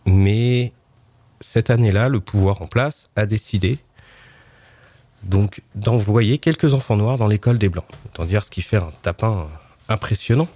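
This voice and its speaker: A man's voice: lowish voice, a little slow, dark tone. A man presenting book picks on a casual book show, chatty and hesitant with many fillers.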